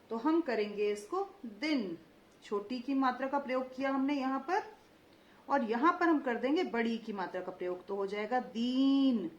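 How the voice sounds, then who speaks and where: A young woman teaching children Hindi vowel marks, drawing out each word slowly and asking call-and-response questions. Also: sits high, roomy sound. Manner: slow, drawn-out pronunciation of each word, stressing vowel length; frequent "ठीक है" check-ins and call-and-response questions. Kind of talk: children's Hindi phonics lesson. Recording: slightly dull lo-fi recording.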